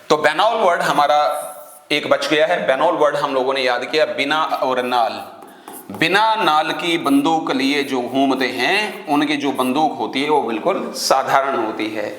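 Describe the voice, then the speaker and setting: A man's voice: a little high, fairly bright tone, roomy sound. A man teaching English vocabulary to exam students, explaining words through memory tricks and asking questions he then answers himself. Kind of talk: online class teaching.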